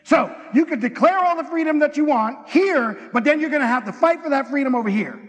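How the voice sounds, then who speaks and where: A man preaching an energetic sermon in a church, talking fast and excitedly and acting out bits of dialogue. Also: very high voice. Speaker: pastor. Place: church sanctuary. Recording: long hall reverb.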